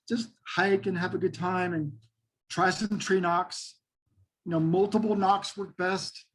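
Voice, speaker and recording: High-pitched, husky man. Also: poor audio. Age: middle-aged. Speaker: interview guest, Bigfoot researcher. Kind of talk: casual interview talk.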